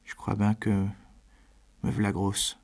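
A man's voice: on the low side, fairly even intonation, takes it slowly. A man voicing a stammering, tearful farm girl. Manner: soft, stammering, whimpering.

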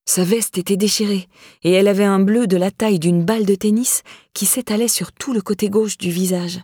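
A woman narrating a novel as an audiobook in a measured, even storytelling manner. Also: medium pitch, husky, no room sound, studio quality. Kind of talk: scripted narration.

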